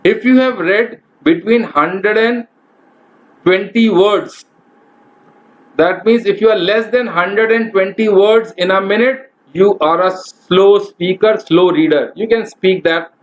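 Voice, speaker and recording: Higher-voiced man giving a webinar talk. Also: takes it slowly, lo-fi sound. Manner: instructive and direct, addressing the audience as guys. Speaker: corporate trainer. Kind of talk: webinar lecture.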